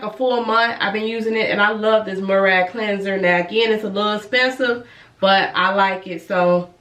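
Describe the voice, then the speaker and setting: Slightly congested from a cold, a woman who is a licensed cosmetologist and beauty vlogger rambles and corrects herself as she casually reviews and demonstrates skincare products. She has a medium-pitched, fairly bright voice, picked up by a distant mic in an echoey room.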